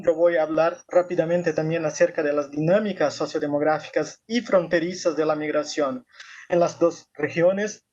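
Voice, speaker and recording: A man with a Brazilian Portuguese accent, a non-native speaker presenting academically in halting, self-correcting speech over an online call. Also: a little high, darkish tone. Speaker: university professor presenting a paper. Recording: dull lo-fi online call audio.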